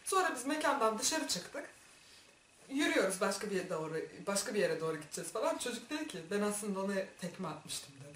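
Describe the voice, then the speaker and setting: A woman's voice: medium pitch, big pitch swings, fast, a bit bright, slight background noise. A woman vlogger telling a story, acting out the dialogue and laughing often. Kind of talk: animated storytelling. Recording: echoey room, mic far off.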